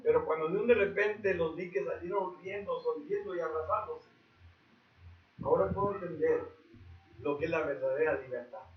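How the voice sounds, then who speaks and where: A man's voice: on the high side, moderate pace. A man, a pastor praying and telling a story to his church, earnest and often repeating words. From Mexico. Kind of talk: church prayer and sermon story. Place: church sanctuary. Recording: echoey church, far from mic, dull.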